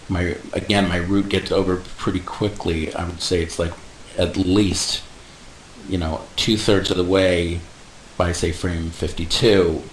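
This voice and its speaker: A man explaining animation software step by step in a casual tutorial, adding little sound effects like "boom". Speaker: animation instructor. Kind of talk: screen-recorded software tutorial. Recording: echoey room with faint hiss.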